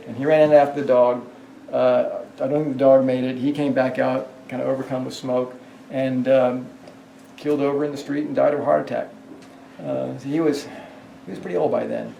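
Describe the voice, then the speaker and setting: On a ghost tour of a hotel, a man speaks briskly in a flat manner, his medium-pitched voice gravelly and dark. He tells stories in a rambling way, full of restarts and fillers. The distant mic picks up hallway echo and slight background noise.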